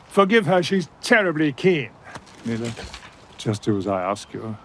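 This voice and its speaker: A man's voice: mid-range voice, very animated, normal speed, a bit bright, a little hiss or hum. An actor playing a flippant, eccentric male time traveller in an audio drama, breezy and offhand.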